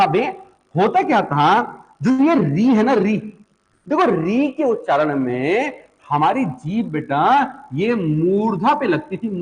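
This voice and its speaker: A man with a fairly high voice teaches a grammar class, patiently going over every point more than once. He keeps checking whether his students have understood and calls them "beta". The sound has a long, echoing reverb. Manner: explains by repeating each point several times. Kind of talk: online Hindi grammar class.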